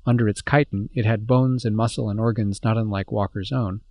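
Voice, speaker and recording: A man reading a science fiction story aloud as narrator, in a steady, measured way. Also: lowish voice, no echo.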